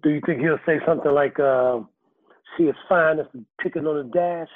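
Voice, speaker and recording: Casual podcast co-host, high-ish husky voice, muffled like he's talking into a cup. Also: brisk. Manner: joking, laid-back banter. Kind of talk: casual chat. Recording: muffled lo-fi laptop mic.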